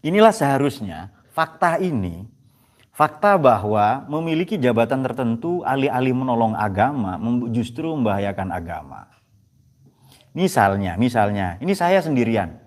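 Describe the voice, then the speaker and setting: Male lecturer. Very expressive pitch, teasing and checking in with the class. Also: normal speed. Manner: animated, joking, asks "ya kan?" often. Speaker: teacher of philosophy at a pesantren.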